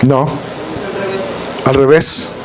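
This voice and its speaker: A man's voice: mid-range voice, level tone, drawn-out words, crowd noise. A man leading an informal Bible study, reading verses aloud and quizzing his listeners with rhetorical questions. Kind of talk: informal Bible teaching to a group.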